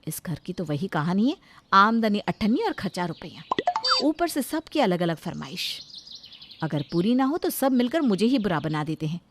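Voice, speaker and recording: A woman's voice: medium pitch, big pitch swings, moderate pace, noisy background. A woman as a worried young housewife. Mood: fretful.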